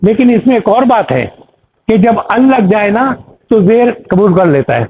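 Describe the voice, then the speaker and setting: A man with a fairly high voice teaches a language class, walking through grammar step by step and checking in with his students. The sound is thin and tinny, like a phone line. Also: expressive, normal speed, a little hiss or hum. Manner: patient, explains step by step with examples and checks. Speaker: Arabic teacher. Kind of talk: classroom explanation.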